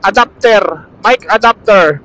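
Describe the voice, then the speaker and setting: With a Filipino accent and a voice that sits high and fairly bright, this man talks a little slowly as he reviews gear. He's a motovlogger on a motorcycle outdoors on a road, chatting casually to fellow riders. Sound comes through a helmet intercom over Bluetooth, used as an external camera mic, and is dull and muffled.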